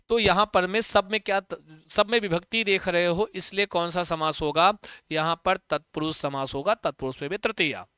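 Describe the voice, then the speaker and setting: A man's voice: high-pitched, pushed and bright, smooth, dry recording, studio quality. A young adult man teaching a Sanskrit exam revision class, drilling terms through repetition and rhetorical questions.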